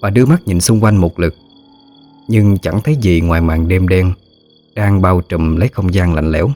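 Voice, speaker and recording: A man narrating a ghost story in a steady, scripted storytelling manner. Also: sits low, normal speed.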